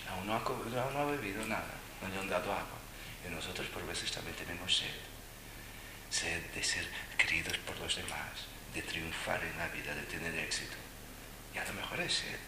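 Chatty low-voiced man teaching a class. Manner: chatty, jokey, often dropping to a soft hush. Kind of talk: informal class talk with students. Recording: echoey room with background noise.

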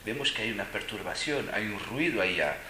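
A man teaching an informal class on emotions, chatting and joking with his students and often dropping to a soft hush. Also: lowish voice, expressive, brisk. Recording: echoey room with background noise.

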